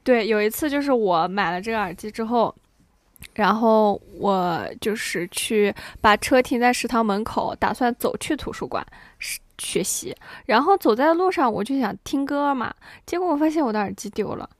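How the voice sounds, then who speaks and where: A young woman in her twenties chats on a podcast and tells stories in an animated way. Her voice sits a little high. The sound is dry and close. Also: moderate pace, no room sound. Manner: animated storytelling, often asks "you know?". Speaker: podcast co-host. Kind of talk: casual chat.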